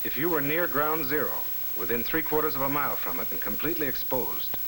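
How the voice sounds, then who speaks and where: A man's voice: medium pitch, animated, fast talker, a bit bright, a little hiss or hum, natural voice, rough recording. A man playing a blunt military instructor in a 1950 civil defense training film, with an American accent and slangy, scripted delivery. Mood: blunt, reassuring. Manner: blunt, slangy, hard-boiled. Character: blunt, wisecracking military instructor drilling servicemen. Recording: vintage 1950 film soundtrack with music.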